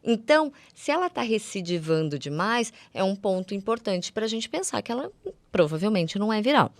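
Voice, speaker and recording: Here a guest eye doctor with a Brazilian accent talks in a sing-song, medium-pitched voice at a moderate pace, with no room sound. Her conversational medical explanation for non-experts is didactic, full of repeated words for emphasis and fond diminutives.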